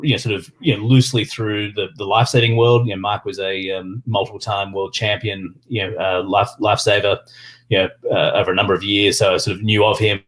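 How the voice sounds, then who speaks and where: A man with an Australian accent and a fairly low voice talks casually as a podcast guest. He rambles along in loose, meandering sentences, padding them with small filler phrases. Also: little pitch movement, brisk, fairly bright tone. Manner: rambling, peppered with "you know" and "sort of". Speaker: podcast guest, sports business executive. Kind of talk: casual interview talk.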